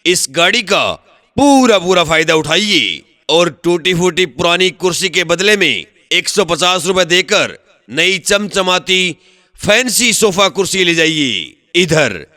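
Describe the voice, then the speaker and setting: A high, bright male voice calls out a vendor's offer in a sing-song hawker's style. He speaks slowly and drawn out, repeating each slogan. The recording is dry and close. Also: no echo. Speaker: street vendor announcer. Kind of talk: recorded loudspeaker sales pitch.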